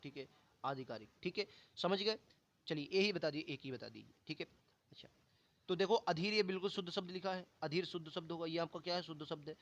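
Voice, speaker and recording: A man's voice: high-pitched, quick pace. A man teaching Hindi for an exam, who asks questions and answers them himself, repeats key words, and calls his viewers brother and friends in a colloquial way. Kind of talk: online exam-prep lesson. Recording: dull lo-fi audio.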